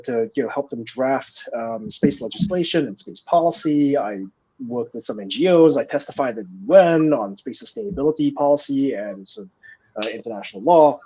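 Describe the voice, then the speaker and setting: A man from Singapore, a company founder answering interview questions in a measured, explanatory way. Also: medium pitch, a little mellow, rough recording. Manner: measured, explanatory, frequent fillers.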